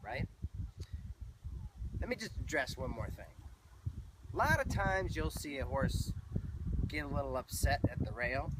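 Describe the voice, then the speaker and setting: A man teaching horse handling, giving calm, soothing voice cues to a horse outdoors. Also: medium pitch. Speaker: horse trainer. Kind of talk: instructional demonstration. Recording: loud outdoor noise, distant mic.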